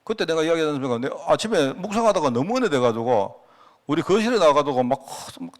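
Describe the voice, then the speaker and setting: A middle-aged male pastor with a Gyeongsang Korean accent, preaching in a chatty, storytelling way with asides to his congregation. His fairly high voice swoops up and down with animated pitch. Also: quick pace. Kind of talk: conversational Friday prayer-meeting sermon.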